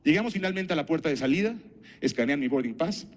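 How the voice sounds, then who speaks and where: A man's voice: on the high side, lively intonation, quick pace. A man giving a conference talk, telling anecdotes and putting rhetorical questions to the audience. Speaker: speaker at a conference.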